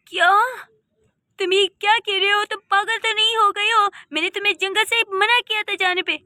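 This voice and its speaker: A woman's voice: very high-pitched, fairly even intonation, moderate pace, sharp tone, no room sound, studio quality, pitched above the performer's own voice. A woman voicing an anxious village mother who scolds her daughter in a raised voice in a cartoon story. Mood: scolding.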